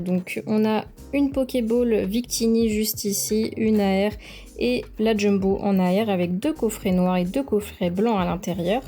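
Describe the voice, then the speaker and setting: Young woman, mellow voice, enthusiastic card-opening chat, faint music behind. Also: medium pitch. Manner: chatty and enthusiastic, praising each card. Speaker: card-opening video creator. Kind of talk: casual card-opening commentary.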